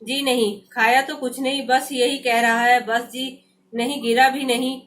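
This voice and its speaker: A woman's voice: high voice, level tone, measured pace, a bit bright. A woman teacher reading aloud the lines of a bewildered father politely answering a doctor on the phone. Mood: flustered.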